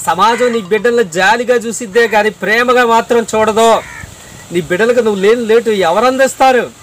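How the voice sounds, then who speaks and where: Earnest preacher man, high voice. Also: moderate pace, a little hiss or hum. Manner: earnest, repeats phrases for emphasis, addresses listener directly.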